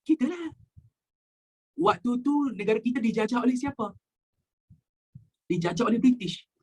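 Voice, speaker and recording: A woman with a Malaysian accent, teaching a history lesson and going through exam practice questions. She quizzes her students in a lively way and drops English words into her talk. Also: fairly high pitch, breathy edge.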